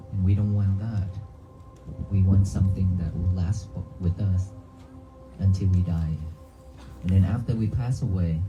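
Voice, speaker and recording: Monk w/ vietnamese accent talking to a crowd, lowish voice, music going behind him. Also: male voice, low-quality recording. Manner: short phrases, asks the crowd questions. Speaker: Buddhist monk giving a talk. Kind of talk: dharma talk to a crowd. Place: outdoors by a church cemetery.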